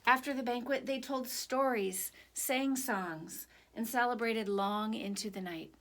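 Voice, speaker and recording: A woman storyteller reading a picture book aloud for children in an expressive, animated way. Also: a little high, unhurried.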